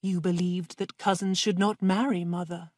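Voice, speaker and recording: A woman reading a quiet, weary grown son. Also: fairly low pitch, steady tone, normal speed, no room sound, studio quality, natural voice. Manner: quiet, subdued.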